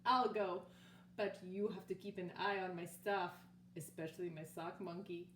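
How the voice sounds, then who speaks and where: A woman voicing an excitable, boastful young male kitten in a storybook read-aloud, loud, squealing and bouncy. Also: on the low side, normal speed, far from the mic, lightly acted. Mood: playful. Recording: echoey room with faint hum.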